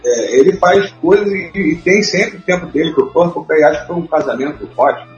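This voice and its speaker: A man talking casually on a radio show, telling lively stories with frequent laughs. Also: on the high side, brisk. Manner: animated storyteller, laughs often. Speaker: guest. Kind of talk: casual chat. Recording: muffled roomy sound with faint music.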